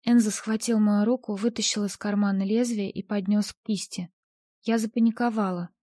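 A woman's voice: medium pitch, fairly even intonation, moderate pace, dark tone, dry recording, clean studio sound. A woman narrating a first-person audiobook story in a tense, dramatic way.

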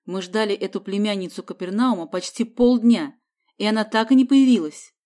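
A woman voicing a panicky, fussy middle-aged man who wails loudly and shrilly. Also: fairly quick, close to an everyday voice. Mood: irritated. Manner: shrill, loud, wailing.

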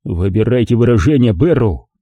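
A man's voice: lowish voice, expressive, normal speed, no room sound. A man voicing a stern detective with a firm, clipped manner in an audiobook. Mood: commanding. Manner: firm and clipped, softening when gentle. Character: stern male detective, commanding but tender. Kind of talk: audiobook character voice.

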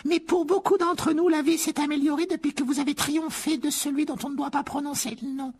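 A very high, thin-voiced male house-elf, as a woman acts him out, timid and fretful. He pleads, frets and scolds himself in an audiobook drama. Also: fairly even intonation, a little fast, darkish tone, natural voice. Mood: anxious. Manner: pleading, fretful and self-punishing.

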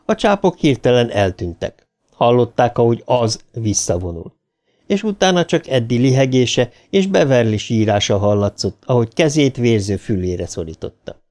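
A man reading a horror novel aloud as an audiobook narrator, with dramatic lifts of pitch at tense moments. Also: warm tone.

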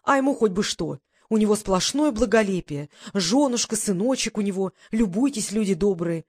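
A woman's voice: medium pitch, expressive, moderate pace, a little mellow, slightly rough, no echo, studio quality. A woman voicing an anxious, stern older mother who scolds her grown daughter in an audiobook. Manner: pleading, then stern and scolding.

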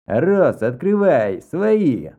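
Man shouting as a rowdy hulking young brute. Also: medium pitch, big pitch swings, unhurried, highs cut off, voice pushed up. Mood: boisterous. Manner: shouting, boisterous.

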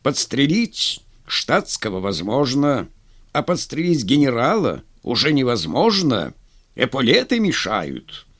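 A man voicing a stern, contemptuous army general who speaks gruffly, in a commanding way. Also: mid-range voice, wildly swooping pitch, measured pace, fairly bright tone, no echo, studio quality, heavily acted. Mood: stern scorn.

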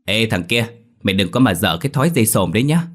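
A man doing a gruff, scolding older brother. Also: fairly low pitch, lively intonation, fast talker. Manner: scolding, teasing.

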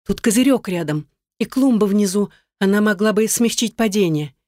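A terrified young woman whispers and pleads for help while trapped, as the woman reading the story voices her. Her voice sits a little higher and trembles with fear. It is recorded close and dry. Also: expressive, moderate pace, a little mellow, no room sound, natural voice. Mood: frightened, pleading.

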